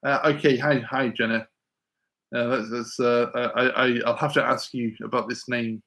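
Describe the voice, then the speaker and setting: A man's voice: medium pitch, level tone, moderate pace, fairly bright tone. A man answering viewers' exam questions on a live stream, rambling with many stammered restarts and reading chat messages aloud. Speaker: physics teacher hosting a live Q&A.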